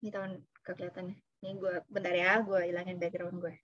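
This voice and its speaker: A woman's voice: lowish voice, level tone, fast, a bit bright, dry recording, lo-fi sound. A woman, an insurance agent giving a casual motivational talk, chatty and slipping in English phrases. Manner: chatty, mixes in English phrases, laughs now and then. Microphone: video call.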